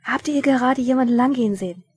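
A woman reading aloud, voicing a gruff, harried male watch commander who barks urgent orders. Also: high voice, fast, soft background music, voice pushed up. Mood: urgent shouting. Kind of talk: audiobook reading.

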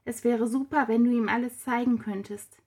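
Woman doing a friendly care home worker, welcoming, grown man, somewhat high, storybook reading. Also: steady tone, normal speed, a little mellow.

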